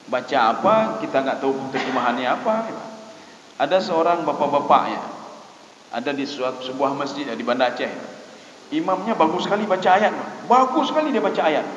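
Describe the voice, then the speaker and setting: Fast-talking preacher in an echoey hall. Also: male voice, on the high side, lively intonation, fairly bright tone. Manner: conversational, addresses listeners as Pak, acts out dialogues. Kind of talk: sermon. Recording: echoey hall, dull lo-fi, faint hiss.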